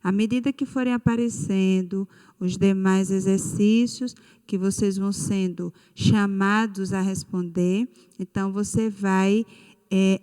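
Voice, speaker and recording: Patient woman teacher, slow and echoey. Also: on the high side, a little mellow. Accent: Brazilian Portuguese. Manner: slow, patient, stretches out key words. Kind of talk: recorded online class for children.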